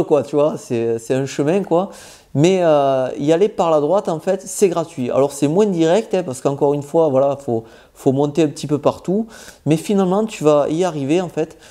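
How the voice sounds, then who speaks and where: With a mellow, medium-pitched voice, a male travel vlogger shares laid-back tips directly with his audience. He hails from southwest France, has the accent to match, and hesitates frequently.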